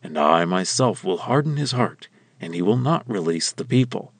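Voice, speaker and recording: A deep, stern commanding god, as a man reads him. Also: animated, normal speed, dry recording.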